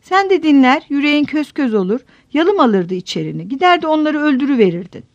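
A woman's voice: sits high, sing-song, a little fast, no echo, lo-fi sound, pitched above the performer's own voice. A woman voicing a bitter, grieving village mother who scolds and urges her daughter. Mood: scolding. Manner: scolding, urging.

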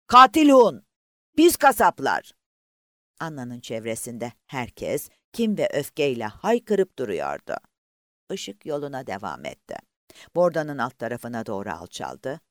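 A man reading a novel aloud as an audiobook narrator, with a dramatic, highly varied delivery. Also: huge pitch swings, normal speed, dry recording, studio quality.

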